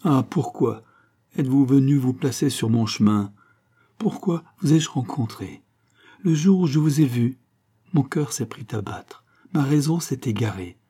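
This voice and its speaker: A man's voice: mid-range voice, moderate pace, dark tone, husky, lightly acted. A man voicing a scheming woman posing as a countess in an audiobook, speaking in a theatrical, pleading manner. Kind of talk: audiobook character reading.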